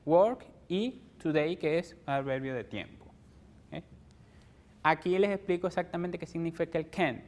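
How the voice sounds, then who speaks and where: Man, Venezuelan Spanish accent, TV classroom lesson, patient step-by-step explaining, fairly high voice. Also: darkish tone. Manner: explains step by step, ends phrases with "¿ok?". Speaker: English teacher.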